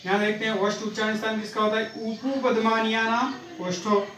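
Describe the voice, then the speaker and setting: A high-pitched man gives an exam-prep lesson. He recites grammar rules in a slow, chanting way and drills the likely questions again and again. His voice echoes around a room, some way off the mic, with faint ambient noise behind. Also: level tone, pushed and bright, far from the mic. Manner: methodical, repeats exam questions and answers; chants Sanskrit sutras slowly. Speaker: Sanskrit grammar teacher.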